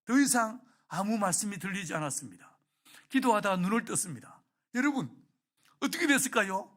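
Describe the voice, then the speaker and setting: A male pastor delivers a heartfelt sermon, his voice sitting very high for a man. He tells a story with strong feeling and keeps turning to the congregation with questions. His tone is bright and forceful. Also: lively intonation, brisk. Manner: emotional storytelling that acts out prayers and asks the congregation questions.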